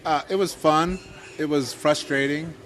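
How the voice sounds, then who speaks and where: His voice is a little high and fairly bright, slightly slow, with fairly even intonation. A middle-aged Midwestern man, he co-hosts a podcast and shares his career story in a casual chat. Fillers and self-deprecating jokes fill the telling.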